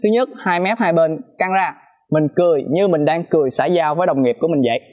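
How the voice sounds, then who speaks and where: A man teaching a pronunciation lesson, repeating sounds slowly and emphatically to demonstrate them. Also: on the high side, narrow, tinny audio.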